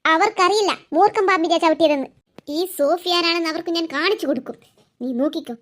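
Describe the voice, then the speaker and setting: A woman's voice: fairly quick, fairly bright tone. A woman voicing a spiteful, vengeful schoolgirl villain in a cartoon. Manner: bitter, vengeful, low threatening tone. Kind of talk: cartoon voice acting.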